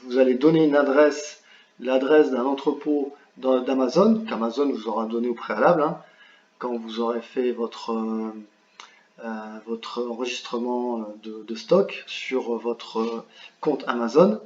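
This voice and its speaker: A man giving a screen-share software tutorial, talking hesitantly with many fillers and restarts. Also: medium pitch, unhurried, slight background noise. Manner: apologetic about his English pronunciation. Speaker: online business tutor. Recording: roomy, slightly dull home recording.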